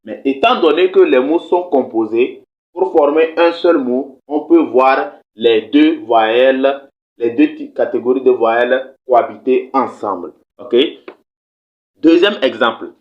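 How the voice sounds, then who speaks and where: A man's voice: medium pitch, measured pace. A man teaching a language lesson on video, speaking patiently, repeating words and checking that viewers follow. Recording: slightly dull, lo-fi recording.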